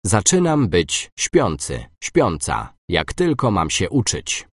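A man reading short example phrases slowly and clearly for a language course, giving both masculine and feminine forms. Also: low voice, wildly swooping pitch, no echo, studio quality.

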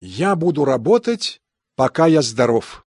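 Husky man reading course phrases. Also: mid-range voice, unhurried, no echo, studio quality. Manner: even, careful enunciation. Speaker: language course speaker.

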